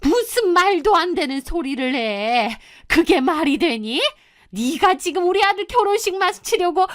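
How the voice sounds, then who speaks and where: A woman voicing a furious older mother-in-law in a storybook drama, yelling accusations in a shrill voice. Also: animated, a little slow, heavily acted. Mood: outraged disbelief. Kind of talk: storybook dialogue.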